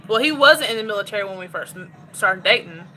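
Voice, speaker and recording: A woman's voice: medium pitch, expressive, quick pace, bright, forceful tone, slight background noise, rough recording. A woman chatting candidly to her phone while cooking in her home kitchen. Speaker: cooking vlogger. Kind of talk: casual chat while cooking.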